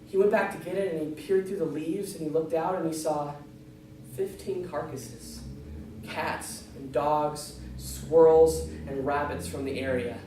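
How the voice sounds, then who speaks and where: A man's voice: sits high, warm tone. Guy doing a folksy tall tale live, comic and dramatic, super echoey room, kinda far from the mic. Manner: comic, dramatic storytelling with acted-out dialogue. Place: large echoey room, live before an audience. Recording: distant, very echoey live room, background noise.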